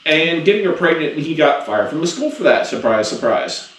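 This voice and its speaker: A man's voice: on the high side, sing-song, a little fast, a bit bright, far from the mic. Sardonic guy on a podcast, blunt, swears a lot, off-mic and echoey. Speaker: podcast co-host. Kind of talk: casual chat. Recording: echoey room, off-mic with faint hiss.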